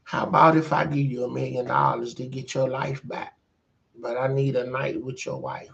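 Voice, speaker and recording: A man doing a smooth rich man making an offer: hushed, persuasive, gravelly, muffled recording. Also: medium pitch, flat delivery, normal speed. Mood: coaxing.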